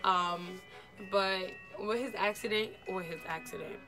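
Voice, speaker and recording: A woman's voice: mid-range voice, steady tone, unhurried, over loud music. A young adult woman telling a personal story in a casual, slangy way and addressing viewers as y'all. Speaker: vlogger.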